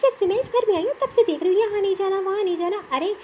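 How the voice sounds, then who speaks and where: Cartoon young daughter-in-law, outspoken and shrill, a woman voicing her, faint hiss under it. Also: fast talker, warm tone, lo-fi sound. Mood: indignant. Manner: indignant, protesting. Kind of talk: cartoon story voice acting.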